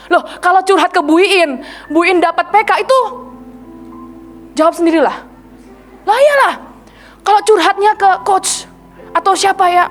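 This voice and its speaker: A woman evangelist preaching a sermon, retelling testimonies and acting out the people she quotes in a lively way. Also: sits high.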